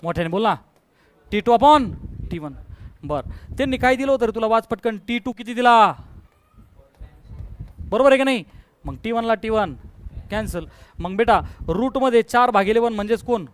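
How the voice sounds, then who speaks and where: High-voiced physics teacher. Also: male voice, expressive, clean tone. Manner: coaxing, quizzing students with rapid questions. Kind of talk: classroom lecture.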